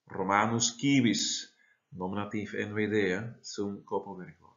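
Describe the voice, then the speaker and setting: A man's voice: lowish voice, fairly even intonation, a little slow, a bit bright, lo-fi sound. A man, teaching a Latin translation lesson and explaining step by step with frequent tag questions. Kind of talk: classroom lesson.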